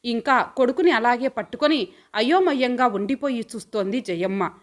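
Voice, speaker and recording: A woman narrating an audiobook story. Her delivery is steady and expressive, and her voice sits slightly high. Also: moderate pace.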